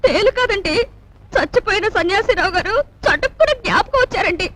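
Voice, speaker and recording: An actress playing a simple, tearful housemaid in a film, telling a story in a plaintive way. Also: female voice, very high voice, expressive, brisk, fairly bright tone. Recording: film soundtrack with music underneath.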